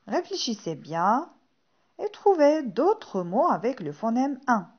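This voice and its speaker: A woman teaching a phonics lesson to young children, saying each word slowly and clearly and repeating it. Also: a little high, very animated, lo-fi sound. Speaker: primary school teacher.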